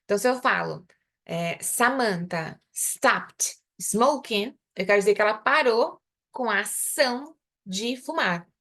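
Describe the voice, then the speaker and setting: Brazilian woman, young adult, English teacher on a live class, medium pitch, slows down to drill example phrases. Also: lively intonation, a bit bright. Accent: Brazilian Portuguese. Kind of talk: live online English lesson.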